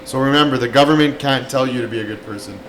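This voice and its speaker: A man's voice: mid-range voice, quick pace, a bit bright. Give me an earnest man urging listeners to care, a faint hum behind him. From Canada. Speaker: podcast co-host. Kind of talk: casual chat.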